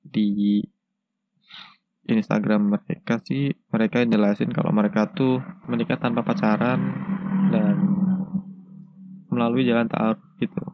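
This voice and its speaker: A young man with a cold and a stuffy, congested nose, hosting a casual solo podcast in a hesitant, halting way. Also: lowish voice, flat delivery, slight background noise. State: has a cold with a blocked nose. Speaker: podcast host. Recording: dull lo-fi, dry sound.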